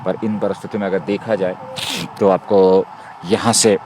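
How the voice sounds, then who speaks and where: A man's voice: low-pitched, level tone, moderate pace, background noise. A man giving live ball-by-ball cricket commentary in a flowing, wordy style, reciting scores as he goes. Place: outdoor cricket ground.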